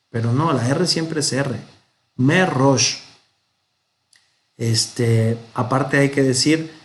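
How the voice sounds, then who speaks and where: A man with a Mexican Spanish accent teaching a Hebrew grammar lesson, patient and methodical, sounding out example words slowly. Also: medium pitch. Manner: patient, explains step by step, pronounces examples slowly.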